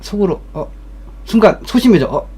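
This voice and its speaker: A man's voice: sits high, animated, moderate pace, dark tone, breathy edge. A young man telling a story casually from his streaming room, blunt and swearing, acting out coworkers in raised voices. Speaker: streamer giving life advice.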